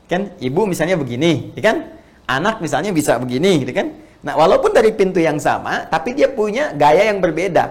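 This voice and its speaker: A man teaching how to read Arabic letters in a Quran reading lesson. He explains step by step, demonstrates the letter sounds aloud and often checks with his listeners, getting louder and livelier when he gives an example. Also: on the high side. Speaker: Islamic teacher.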